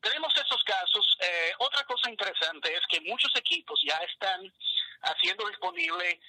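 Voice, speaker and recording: Lively, bright-voiced male radio commentator. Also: high voice, normal speed, husky, dry recording, low-quality recording. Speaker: radio baseball co-host. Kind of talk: radio sports talk.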